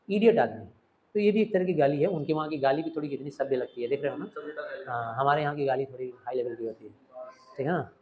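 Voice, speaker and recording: A male literature teacher walks his students through a play in an animated way. His voice sits a little high. He acts out each scene as he explains it. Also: lo-fi sound. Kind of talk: Hindi lesson explaining a play.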